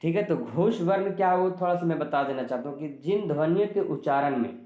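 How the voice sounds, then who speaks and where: A man's voice: fairly high pitch, lively intonation, a little fast, darkish tone, reverberant. A male teacher giving an exam-prep grammar lesson, asking and answering his own questions with frequent "ठीक है".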